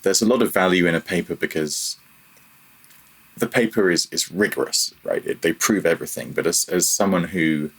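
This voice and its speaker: This freelance audio software developer, a guest in a relaxed technical interview, has a low voice with a somewhat bright, breathy edge and speaks at normal speed. He often stops to reword things, and the audio quality is poor.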